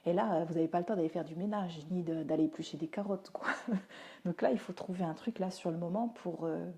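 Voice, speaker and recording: Woman, low voice, mellow tone, chatty livestream talk, plain fillers. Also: a little fast. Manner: chatty and down-to-earth, with frequent fillers. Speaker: teacher and parenting speaker. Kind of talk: Facebook live talk answering viewer comments. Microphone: phone or webcam for a livestream.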